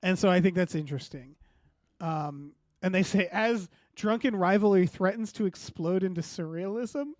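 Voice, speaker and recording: High-voiced man chatting casually on a podcast. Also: moderate pace, dry recording, studio quality. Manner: rambling, frequent "like", profane. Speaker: podcast host. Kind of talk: casual film podcast chat.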